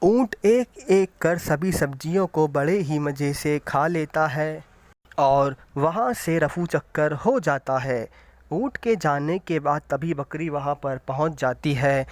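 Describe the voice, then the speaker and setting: Slow, measured male storyteller. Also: fairly high pitch, no room sound. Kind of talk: children's story narration.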